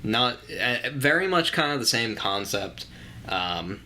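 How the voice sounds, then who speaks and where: A man's voice: medium pitch, sing-song, slow, sharp tone, slight background noise. A young man co-hosting a casual podcast, easygoing and explaining at length with fillers. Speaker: podcast co-host.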